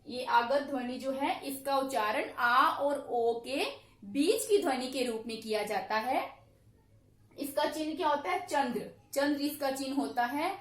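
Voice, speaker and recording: A woman teaching a grammar lesson, asking questions and answering them herself and repeating examples slowly. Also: high-pitched. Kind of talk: classroom-style lesson. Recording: echoey room.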